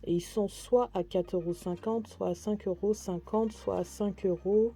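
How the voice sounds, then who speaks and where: A woman's voice: mid-range voice, steady tone, moderate pace, mellow, breathy edge, faint music behind. A woman vlogger chatting casually through a shopping haul, gushing about each purchase. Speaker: beauty and lifestyle vlogger.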